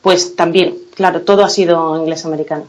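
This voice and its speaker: A woman's voice: lowish voice, fairly even intonation. A woman from Spain with a Spanish accent, speaking as an interview guest in a thoughtful, hesitant way. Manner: thoughtful, hesitant, many pauses and fillers. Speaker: guest, English academy founder. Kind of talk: casual interview chat.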